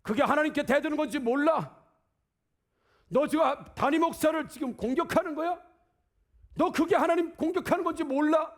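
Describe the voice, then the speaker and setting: A man's voice: extremely high pitch, expressive, normal speed, pitched above the performer's own voice. A man voicing Moses as an exasperated leader, raising his voice in indignant pleading. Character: Moses, exasperated middle-aged male leader at wit's end.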